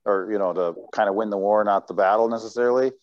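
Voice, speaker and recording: A man's voice: lowish voice, steady tone, fast, darkish tone, no room sound, dull audio. A man in casual Bible study talk, rambling and retelling a past conversation. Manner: rambling, many fillers and restarts, recounting conversations. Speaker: study group member.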